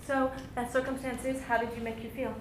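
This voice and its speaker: A woman's voice: sits high, little pitch movement, fairly quick. A woman acting teacher giving direct, encouraging feedback to a student in class. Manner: direct, encouraging, explains in short plain phrases. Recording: roomy studio with faint noise.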